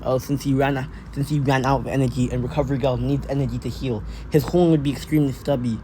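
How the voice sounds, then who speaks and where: A man's voice: medium pitch, steady tone, fast, noisy background. A man casually narrating a fan-made story off the cuff, often restarting and repeating his phrases.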